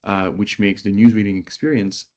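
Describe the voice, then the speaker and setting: A man who grew up in Israel, a company CEO, giving measured interview answers over a call and listing things one by one. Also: on the low side, steady tone, a little mellow, lo-fi sound. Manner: measured, lists items one by one.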